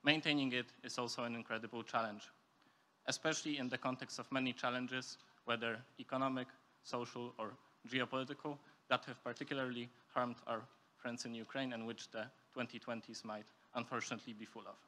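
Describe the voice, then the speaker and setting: A young adult man from Poland speaks as a student at a youth forum, delivering a prepared, formal, structured speech. His medium-pitched voice is level in tone, slightly fast, and sharp.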